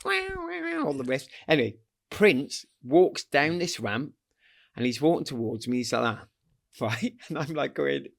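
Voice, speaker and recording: A man from the UK, a former athlete, telling lively anecdotes in a casual interview, acting out the voices and laughing often. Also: mid-range voice, a little slow, creaky. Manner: animated storyteller, acts out voices, laughs often. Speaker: guest athlete.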